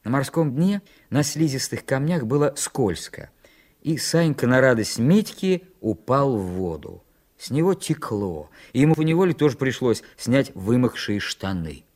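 Lively man reading a story aloud. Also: medium pitch, measured pace. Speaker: narrator.

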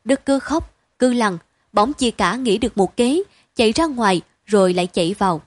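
A woman narrating a story in an even, measured reading style. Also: a little high, no echo.

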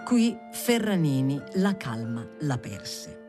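A reader narrating a novel aloud in a measured, deliberate way. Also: medium pitch, very animated, over music. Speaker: audiobook reader. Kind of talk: literary audiobook narration.

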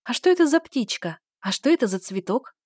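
A woman voicing an excitable, naive young princess who asks shrill, squeaky questions. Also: brisk, dry recording, clean studio sound. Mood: chirpy. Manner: squeaky high-pitched questions.

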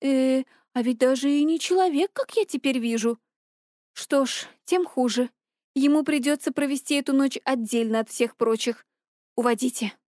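Woman voicing a fussy little man, high, flustered, breathless, crisp dry sound. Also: steady tone, moderate pace, darkish tone, dry recording, lightly acted. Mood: gloomy.

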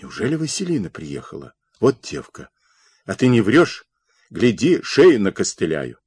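A man's voice: lowish voice, huge pitch swings, normal speed, darkish tone, husky, dry recording, studio quality, full character voice. A man voicing a jovial, boastful young soldier who talks in teasing, folksy banter.

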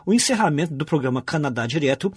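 A man's voice: fairly high pitch, expressive, fast talker, darkish tone, breathy edge, dry recording. A man hosting a radio programme, presenting from a script.

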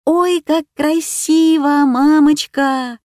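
A woman reading aloud voices an eager, wondering little girl with excited childlike questions. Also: a little high, normal speed, no room sound, studio quality, faint music behind. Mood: delighted.

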